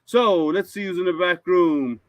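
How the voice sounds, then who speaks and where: Chatty male livestream host, slightly high. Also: measured pace, low-quality recording. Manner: chatty, rambling with frequent restarts. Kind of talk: casual livestream chat.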